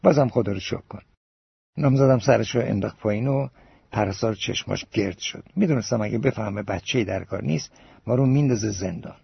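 A man's voice: fairly low pitch, creaky, slightly rough, no room sound, heavily acted. A male narrator voicing a boastful young man telling a tale to a café crowd, in an audiobook. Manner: grandiose, theatrical address. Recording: dull lo-fi recording.

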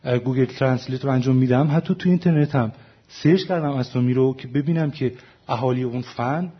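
Husky man explaining at length. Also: mid-range voice, lo-fi sound. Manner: explanatory, frequent self-corrections and fillers. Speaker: translator. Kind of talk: academic panel discussion.

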